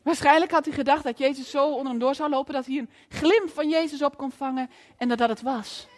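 Woman preaching in a church, really high voice, lots of questions to the crowd, echoey hall. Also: a little fast. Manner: lively storytelling, asks the audience questions. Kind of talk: sermon.

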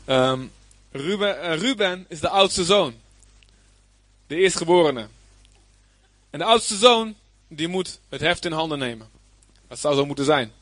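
A man's voice: fairly high pitch, expressive, unhurried, fairly bright tone, no room sound. A man preaching a Bible lesson, reading scripture aloud and then explaining it plainly, with emphasis and some hesitant fillers. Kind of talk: Bible teaching.

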